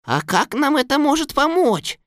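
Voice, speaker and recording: A brave, clever little boy, eager and confident with a high, lively voice. The recording is close and dry, like a studio audio story. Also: normal speed, dry recording. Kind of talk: audio fairy tale acting.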